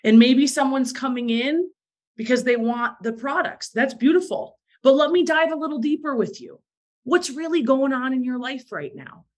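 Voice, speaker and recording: Emphatic woman with a higher voice. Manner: emphatic, repeats phrases for effect. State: morning voice. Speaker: direct sales team leader. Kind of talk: motivational talk to a sales team.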